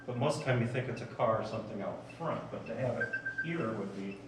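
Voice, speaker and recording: A man chatting casually and haltingly, often repeating himself as he recounts things. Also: mid-range voice, lively intonation. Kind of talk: casual chat. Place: large indoor bowling alley. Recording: echoey room, distant mic, noisy.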